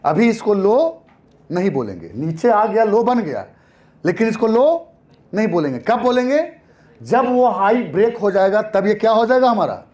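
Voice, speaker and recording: A man's voice: high-pitched, very animated, normal speed, darkish tone. A man teaching a trading lesson in a classroom style, repeating points and answering his own questions.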